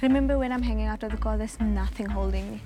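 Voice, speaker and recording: A woman answering calmly and confidently. She is recorded echoing inside a concrete cooling tower. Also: medium pitch, fast, over music. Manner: calm, confident, short replies.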